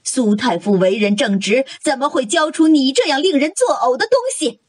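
A woman's voice: high voice, lively intonation, moderate pace, slightly rough, voice pushed up. A woman voicing an indignant middle-aged noble lady scolding harshly and contemptuously. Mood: furious scolding.

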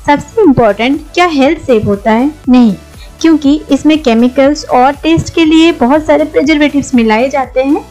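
A middle-aged woman from India giving friendly kitchen tips in a voice-over, mixing English words into her Hindi. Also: sits high. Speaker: home cooking channel host. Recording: soft music bed behind voice-over.

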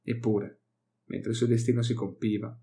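A man with an Italian accent narrating a novel in the first person, in a measured, low-key reading. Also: flat delivery, warm tone. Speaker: audiobook reader.

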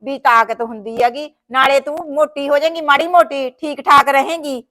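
Fretful and theatrical, the sister-in-law caring for her brother's wife wails dramatically and scolds with nagging advice, played by a woman with a Punjabi accent in the plain, homely style of a village short film. Her high voice is pushed and bright, steady in tone, at a moderate pace.

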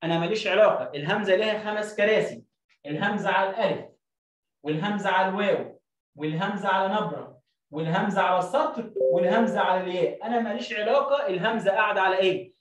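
A man with an Egyptian accent teaching children to read, stretching syllables out slowly and then explaining in quick bursts. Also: high voice, echoey room, distant mic. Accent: Egyptian Arabic. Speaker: reading teacher. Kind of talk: children's reading lesson.

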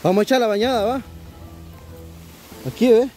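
A man's voice: very high-pitched, normal speed, warm tone, faint music behind. A man with a Salvadoran Spanish accent hosting a casual travel vlog outdoors, chatty and enthusiastic. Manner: chatty, enthusiastic, laughs often. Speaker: vlogger host. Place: outdoor riverside restaurant.

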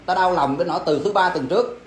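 Casting: a man as a betrayed husband, high voice, rapid-fire lecturing, echoey room. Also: lightly acted. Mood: heated. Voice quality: rapid, insistent, keeps demanding agreement. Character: wounded, scornful husband, middle-aged man. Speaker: husband confronting his cheating wife. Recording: echoey room with faint ambience.

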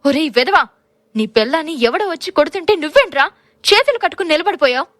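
A woman voicing a shrill spoiled young woman. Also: lively intonation, fast talker, fairly bright tone, no echo. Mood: furious. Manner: screeching, commanding.

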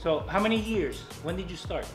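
A man with a notably high voice runs a casual interview, asking simple questions in English and repeating them. Music plays clearly behind him. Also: lively intonation, normal speed.

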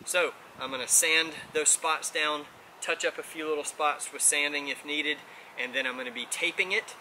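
A man in his thirties hosting a casual how-to vlog outdoors in a backyard, chatty and relaxed, with filler words, picked up by a camera mic at some distance. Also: a little high, moderate pace, a little hiss or hum. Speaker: outdoor channel host.

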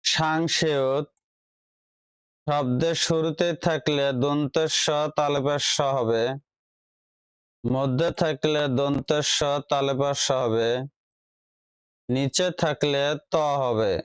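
Male teacher, scripted lesson narration, measured and deliberate, slightly higher voice, dry close recording. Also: fairly even intonation, clean tone, no echo, poor audio. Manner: slow, measured dictation of rules and examples. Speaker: language teacher.

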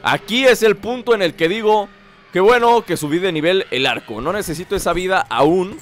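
Mexican man doing chatty gameplay commentary, teasing and playful, fairly high voice, game music behind. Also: lively intonation, normal speed. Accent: Mexican Spanish.

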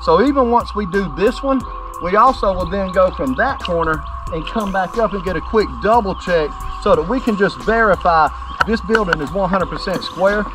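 A man's voice: high-pitched, normal speed, over music. A middle-aged man presenting an outdoor how-to demonstration, plain-spoken and explaining step by step to viewers. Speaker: company presenter. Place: outdoors by a driveway on a sunny rural property.

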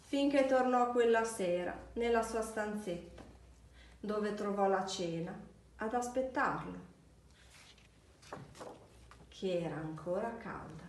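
A woman reading a children's picture book aloud for a library, with slow, deliberate storytelling. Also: mid-range voice, a little hiss or hum. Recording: echoey room, distant mic.

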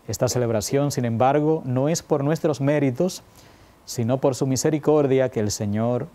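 Male priest, calm reflective homily, mellow voice. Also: medium pitch. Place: chapel altar.

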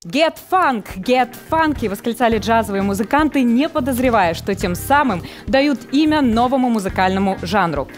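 A woman's voice: a little high, animated, normal speed, few pauses. A woman in her thirties hosting a TV music show from a studio stage, presenting like a boxing ring announcer. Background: faint music.

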